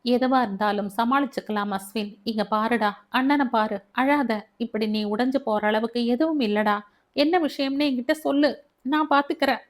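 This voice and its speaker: A woman's voice: on the high side, moderate pace, natural voice. A woman voicing a protective older brother who comforts his younger sibling and questions him urgently. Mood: soothing. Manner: soothing, then shocked.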